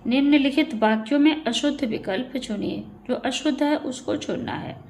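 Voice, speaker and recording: A woman's voice: sits high, normal speed, a little mellow, slight background noise. A woman teaching Hindi grammar in a methodical way, reading each sentence and then correcting it. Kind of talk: online exam-prep lesson.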